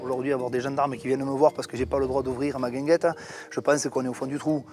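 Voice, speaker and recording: A middle-aged man, a farmer running a farm cabaret, talking loudly and heatedly in an interview. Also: medium pitch, flat delivery, fast, over music. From Italian descent. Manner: loud, talks with his hands.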